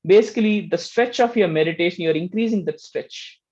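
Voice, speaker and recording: A man teaching meditation in a gentle, explaining way, often checking in with "right?". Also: high-pitched, brisk, muffled recording. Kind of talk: casual spiritual teaching talk.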